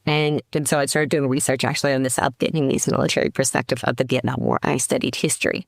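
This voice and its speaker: In a studio-quality recording with no echo, a middle-aged woman speaks in a rumbling low, creaky voice with a level tone and quick pace. She's a company CEO from the Seattle area, United States, reflecting on her story as a podcast guest in casual interview talk, with frequent restarts and fillers.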